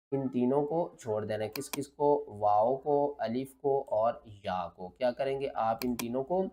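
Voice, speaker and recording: A man teaching Quran recitation with a mid-range voice. He names each letter and vowel, then blends them slowly into a drawn-out chant. Between verses he keeps asking the listener what to do next and gives the answer himself. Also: mid-range voice, warm tone. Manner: asks the viewer questions and answers them himself. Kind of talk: step-by-step recitation lesson.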